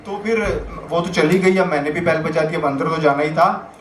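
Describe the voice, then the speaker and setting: A young man on a comedy stage tells stories in a bright, high register. His delivery is chatty and anecdotal, building steadily to each punchline. The sound carries the echo of the room, and he sits at some distance from the mic over a faint background hiss. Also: fairly even intonation, moderate pace. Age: young adult. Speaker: stand-up comedian. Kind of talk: stand-up comedy storytelling. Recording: echoey room, voice picked up from a distance.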